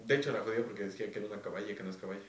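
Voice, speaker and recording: A man's voice: lowish voice, steady tone, racing. A young man from Ecuador, a podcast co-host chatting casually among friends in a bar, telling laughing stories and mimicking voices. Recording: echoey room, mic at a distance.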